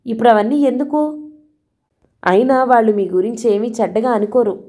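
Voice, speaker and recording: A woman's voice: a little high, normal speed, mellow, pitched above the performer's own voice, natural voice. A woman voicing a young wife who answers tersely and brushes things off. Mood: evasive. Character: young wife, quietly hurt and evasive.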